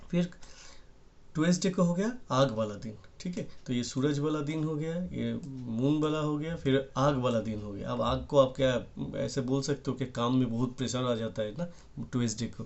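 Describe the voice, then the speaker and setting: Casual teacher, man, mid-pitched, explains while writing. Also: darkish tone, lo-fi sound. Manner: explanatory, repeats "ठीक है" often, mixes in English words. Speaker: Japanese language teacher.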